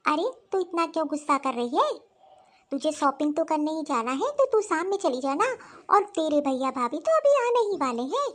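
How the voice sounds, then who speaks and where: Brief: woman doing a high-pitched, stubborn cartoon mother-in-law who brushes off complaints. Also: very animated, normal speed, a little hiss or hum. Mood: scolding. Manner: scolding, dismissive. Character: nagging middle-aged mother-in-law, stubborn. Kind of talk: cartoon voice acting.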